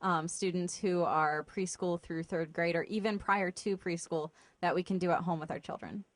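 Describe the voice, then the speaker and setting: A woman's voice: on the low side, fairly even intonation, normal speed, no echo. A woman co-host asking a guest a question in a friendly, giggly way. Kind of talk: talk show questions.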